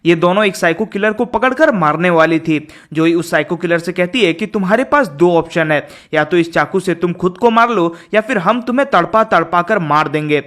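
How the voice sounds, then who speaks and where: A man narrating a movie plot recap in a steady, even storytelling delivery. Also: high-pitched, moderate pace, hardly any pauses.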